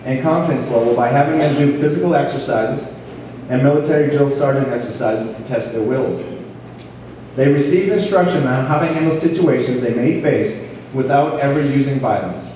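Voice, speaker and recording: A man's voice: medium pitch, warm tone. Guy doing a formal earnest speech, super echoey room, a bit far from the mic. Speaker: police officer speaking as program leader. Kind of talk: prepared formal speech at a school ceremony. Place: large echoing hall at a school ceremony. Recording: echoey hall from far off, faint noise.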